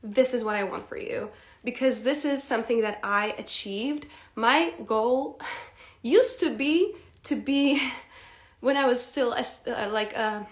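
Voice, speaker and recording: A lively young woman from Poland, first language Polish, chats with viewers during a live English-teaching stream. She laughs frequently and speaks to them directly, her somewhat high voice echoing in the room.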